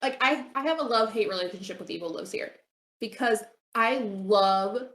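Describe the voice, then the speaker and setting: A woman co-hosts a casual podcast in a bright, fairly high voice. She chimes in often and laughs along with her co-host. The room gives an echoey sound. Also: normal speed. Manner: agreeable, chimes in, laughs easily. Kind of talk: casual chat.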